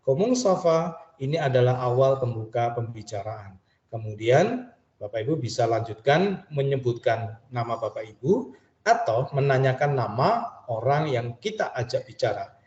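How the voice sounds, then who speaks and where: A man teaches a French lesson over a webinar, going over each phrase slowly and repeating it with a lift at the end. His voice is mellow and dark. The audio is dull and sounds like it was picked up in an echoey room. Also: mid-range voice, lively intonation.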